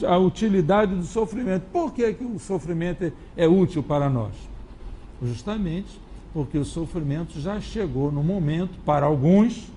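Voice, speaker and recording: A man with a Brazilian Portuguese accent giving a spiritist lecture, conversational, moving between low musing and lively quoted voices. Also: slight background noise. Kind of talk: lecture with anecdotes. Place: lecture hall.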